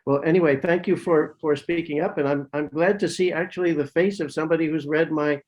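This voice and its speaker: Speaking a little fast with fairly even intonation, a man with a higher voice answers questions in an online talk. He's a psychiatrist on a video call, thoughtful in his replies and prone to repeating words while thinking.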